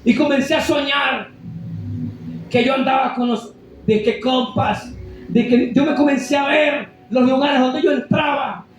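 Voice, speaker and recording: A man preaching an impassioned, shouted testimony sermon as an evangelist in a church. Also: very high-pitched, fairly even intonation, a little slow, very echoey, recorded from a distance, faint music behind.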